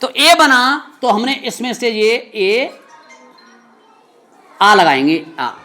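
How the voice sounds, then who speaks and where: A man's voice: sits high, very animated, sharp tone, faint music behind. Strict guy teaching grammar, keeps asking the class questions and telling them off. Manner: stern, scolding, full of quick quiz questions to students.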